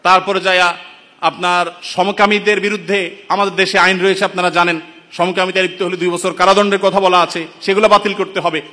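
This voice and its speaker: A man's voice: high voice, flat delivery, fast talker, bright, forceful tone. A man preaching in an indignant, rhetorical way, calling his listeners brothers, from Bangladesh. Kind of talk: impassioned sermon-style commentary. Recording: long reverberant hall sound.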